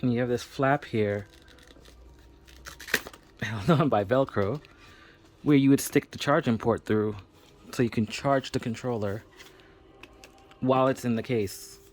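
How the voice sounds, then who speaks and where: A man hosting a casual unboxing video, talking excitedly with plenty of fillers as he handles the product. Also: medium pitch, unhurried, pauses often, slight background noise.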